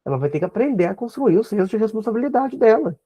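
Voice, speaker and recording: A man's voice: high voice, big pitch swings, fast, mellow. A man talking casually about setting limits, firm and explaining with examples. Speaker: uncle sharing parenting views. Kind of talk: casual talk. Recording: dull, lo-fi sound.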